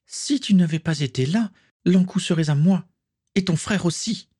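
Male reader doing a proud, cruel witch: raised pitch, husky edge. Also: normal speed, mellow. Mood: haughty, threatening. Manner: haughty, menacing. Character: scheming cruel female dark witch. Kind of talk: audiobook character voice.

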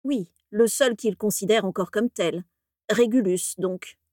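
A woman's voice: mid-range voice, unhurried, darkish tone, no room sound, clean studio sound, close to an everyday voice. A woman doing a cold scheming old wizard. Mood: smug. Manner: icy, contemptuous and commanding. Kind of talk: audiobook reading.

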